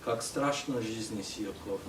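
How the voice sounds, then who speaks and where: A young man from Canada giving a live poetry reading in a bookshop, hesitant with fillers between poems and steady in his verse. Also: fairly low pitch, moderate pace. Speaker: poet. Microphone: distant from the mic. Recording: roomy, distant, noisy live room sound.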